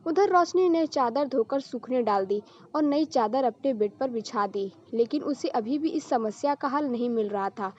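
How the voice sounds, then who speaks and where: A woman's voice: high-pitched, expressive, normal speed, darkish tone, lo-fi sound. Woman narrating a storybook tale.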